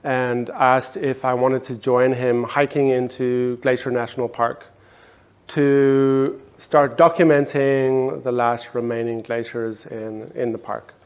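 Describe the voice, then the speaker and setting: Speaking slowly in a steady, clean, medium-pitched voice, a middle-aged man from South Africa takes part in a casual art panel as an artist. His South African accent comes through, and he hesitates often, with lots of ums and restarts.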